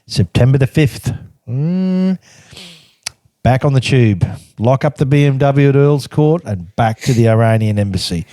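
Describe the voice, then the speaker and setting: An older man, a podcast guest, reads from his old travel journal and tells the stories behind it, chatty and laughing often. His medium-pitched voice has lively intonation, a measured pace and a dark tone, recorded with studio quality and no room sound.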